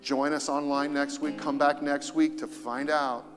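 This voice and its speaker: A man's voice: fairly high pitch, little pitch movement, a little slow, over music. A male pastor preaching a sermon, emphatic and repetitive, inviting the congregation to read along with him. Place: church sanctuary. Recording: long hall reverb.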